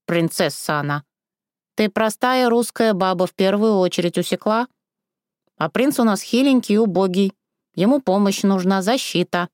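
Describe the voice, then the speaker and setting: A woman's voice: medium pitch, moderate pace, a little mellow, no echo, clean studio sound, voice pushed up, close to an everyday voice. A woman reading a storybook and voicing a crafty, rude old village woman who flips between sugary coaxing and coarse scolding. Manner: sing-song sugary then snapping, coarse.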